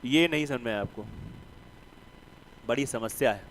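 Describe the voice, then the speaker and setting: A man's voice: mid-range voice, normal speed, fairly bright tone, slight background noise, low-quality recording. A man teaching a math class, who teases and scolds his students and keeps asking them questions. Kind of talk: classroom lecture.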